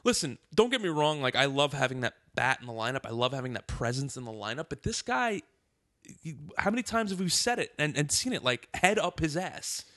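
A man on a casual podcast, telling a story with lots of profanity, restarts and fast asides. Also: a little high, sing-song, pushed and bright, dry recording, clean studio sound. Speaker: podcast co-host. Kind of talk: casual chat.

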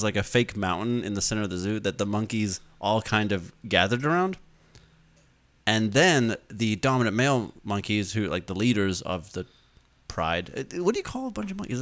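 A man's voice: fairly low pitch, fairly bright tone. A young man co-hosting a casual podcast chat, rambling and self-mocking, laughing often. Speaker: podcast co-host.

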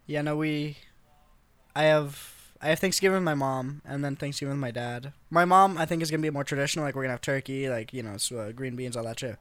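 A man's voice: mid-range voice, fast, fairly bright tone, no echo. A young man co-hosting a podcast in casual, slangy chat with frequent swearing. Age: young adult. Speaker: podcast co-host.

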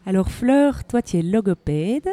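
A woman's voice: mid-range voice, lively intonation, a little slow, mellow. A woman hosting a podcast interview, chatty and encouraging, summing up her guest's answers. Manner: chatty, encouraging, frequent backchannels. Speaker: podcast host.

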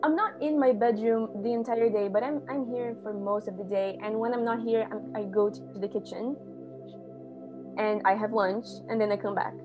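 A woman's voice: on the high side, steady tone, moderate pace, lo-fi sound, music in the background. A young woman from Brazil, an international student chatting in an interview and filling her talk with "like". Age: young adult. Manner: chatty, leans on "like". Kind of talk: casual interview answers.

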